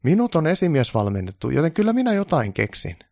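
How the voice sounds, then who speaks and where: Guy doing a fawning eager boss type, high-pitched, dry sound. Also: wildly swooping pitch, creaky, warm tone, no echo, heavily acted. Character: eager fawning male work supervisor.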